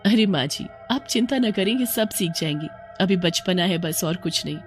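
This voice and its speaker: A narrator voicing a gentle, dutiful young daughter-in-law who soothes her mother-in-law. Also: medium pitch, lively intonation, normal speed, soft background music, close to an everyday voice.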